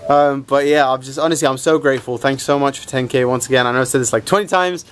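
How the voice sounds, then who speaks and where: A playful vlogger in his twenties talks fast to camera in a steady, mid-range, fairly bright voice, often repeating words for emphasis. Filmed at arm's length on a handheld camera in his car, outdoors, and in small rooms, with noticeable background and car noise.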